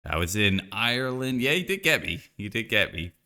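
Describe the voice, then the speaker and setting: Man, from the United States, very deep, forceful bright tone, laid-back stream chat. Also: sing-song, normal speed. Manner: laid-back, filler-heavy. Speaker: streamer co-host. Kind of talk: casual chat while gaming.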